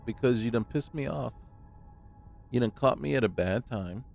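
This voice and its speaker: A man's voice: medium pitch, moderate pace, vocal fry, darkish tone. A man hosting a let's play, ranting in exasperation and swearing at the game as he plays. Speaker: gaming channel host. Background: game music.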